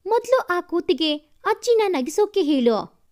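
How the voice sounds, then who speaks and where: A woman voicing a fiery young granddaughter who scolds and teases loudly and quickly. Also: very high-pitched, very animated, voice pushed up, full character voice. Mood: scolding.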